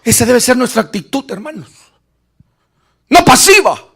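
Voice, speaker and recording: Animated man preaching a fiery sermon. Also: very high-pitched, normal speed, vocal fry, a little hiss or hum. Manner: animated, shouts and acts out Bible scenes. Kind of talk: lively Spanish-language sermon.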